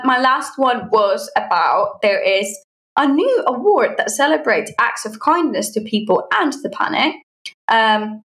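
Chatting as a podcast co-host, this Finnish woman, a native speaker of Finnish, passes along news in a loose, hesitant, informal way. Her voice is mid-range with a fairly bright tone, and the recording has a roomy echo.

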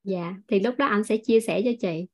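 A woman's voice: mid-range voice, moderate pace, darkish tone. A woman with a Southern Vietnamese accent teaching a class in a chatty style, laughing often and speaking to her listeners as family. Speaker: course instructor. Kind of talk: online class lecture with storytelling.

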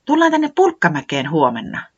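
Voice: medium pitch, wildly swooping pitch, breathy edge, heavily acted. A reader voicing a small furry storybook creature with paws and floppy ears, who exclaims eagerly and is easily dismayed. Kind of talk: storybook reading. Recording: dull lo-fi sound.

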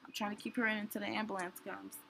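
A woman's voice: medium pitch, level tone, fast, sharp tone, soft background music, poor audio. A young woman hosting a show, telling her own story candidly in a rambling way with many fillers. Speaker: podcast host. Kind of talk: personal storytelling.

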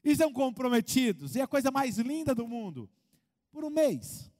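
A man preaching a sermon as pastor, in an animated way. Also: very high voice, moderate pace, in a large hall. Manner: animated preaching, acts out congregants' voices.

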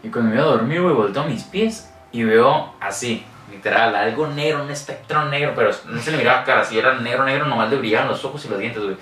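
A young man with a Mexican accent telling a scary story in casual chat and acting out shouts and sound effects. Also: mid-range voice, quick pace, few pauses. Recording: echoey room, mic at a distance, faint noise.

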